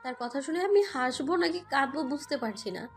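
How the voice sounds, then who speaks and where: A woman plays a hurt young mother narrating a romantic audio drama in the first person, her very high voice dramatic, scolding and defiant. The narration is exasperated, animated and a little fast, over a bed of music.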